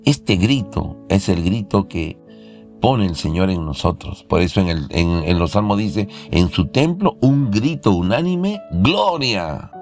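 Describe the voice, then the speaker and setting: A low, gravelly male voice delivers an impassioned sermon and leans hard on key words. Faint instrumental music plays underneath him. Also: big pitch swings, measured pace. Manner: fervent, emphatic preaching with sudden raised shouts. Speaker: preacher.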